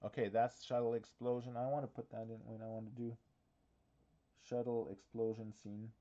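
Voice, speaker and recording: A man chats casually into a live office camera, hesitating, filling gaps and restarting his thoughts as he goes. He has the hiccups, and the sound is a little dull and lo-fi. His pitch sits in a middle range. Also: little pitch movement, normal speed, dark tone. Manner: chatty, hesitant, thinking aloud with fillers. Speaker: diorama workshop host.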